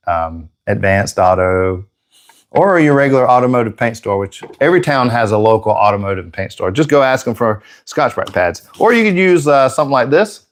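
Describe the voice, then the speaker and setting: A man hosting a live airbrush painting stream, chatting casually and joking with viewers, slightly out of breath. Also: on the low side.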